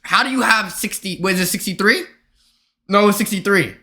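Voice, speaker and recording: A man's voice: high-pitched, fairly quick, bright, forceful tone. A young man chatting casually and ramblingly with his viewers as a live streamer, talking into his streaming mic. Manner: rambling and slangy, calls viewers bro and y'all.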